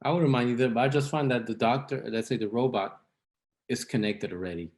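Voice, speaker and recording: A man co-hosting a casual podcast who asks questions and gives short, calm replies. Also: medium pitch, fairly quick. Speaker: podcast co-host.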